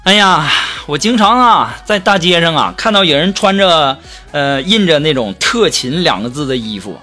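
A man's voice: fairly high pitch, moderate pace. A man hosting a comedy show, telling jokes and acting out every quote. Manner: animated, acts out every quote. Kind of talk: joke telling. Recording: background music under voice.

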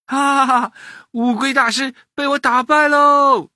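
A man voicing a boastful young rooster boy in a storybook, brash and loud. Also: extremely high pitch, lively intonation, a little slow, husky, no room sound, studio quality, pitched above the performer's own voice, full character voice. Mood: gloating. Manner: brash, shouting challenges.

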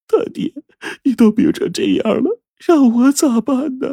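A man voicing a middle-aged country wife who trembles and sobs as she pleads, his voice pushed high. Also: animated, a little slow, gravelly, warm tone, slightly rough, no room sound, studio quality, exaggerated voice. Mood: sobbing. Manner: trembling, sobbing, high-pitched.

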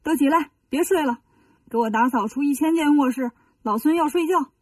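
A woman's voice: high voice, brisk, darkish tone, no echo, far from the mic, natural voice. A woman voicing a brash, fearless male monkey warrior disciple who talks in a bold, bossy way, in a storybook retelling. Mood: domineering.

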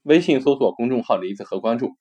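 A man's voice: mid-range voice, expressive, fast talker, dark tone, husky. A man hosting a talk show, telling a short story and then reflecting on it in an earnest, thoughtful way. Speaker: host. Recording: dull lo-fi recording.

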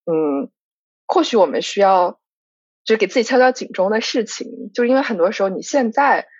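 A woman co-host in a casual podcast conversation who reflects and thinks aloud as she goes. Her voice is a little husky. The recording is dry and slightly muffled. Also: medium pitch, animated, a little fast, a little mellow, dry recording. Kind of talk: casual chat. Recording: dry, dull lo-fi sound.

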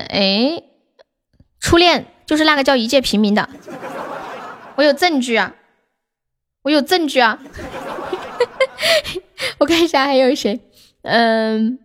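A woman's voice: fairly high pitch, animated, slow pace, pauses often, fairly bright tone, a little hiss or hum. A young woman, live streaming in a playful, cutesy way with melodramatic pleas. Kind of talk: casual livestream chat. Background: background music.

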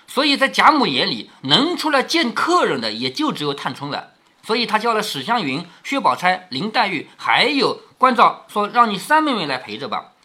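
Lively husky-voiced man reading aloud. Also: high-pitched, moderate pace. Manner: explanatory, asks rhetorical questions. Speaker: parent reading a classic novel to his daughter. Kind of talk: storybook reading with commentary.

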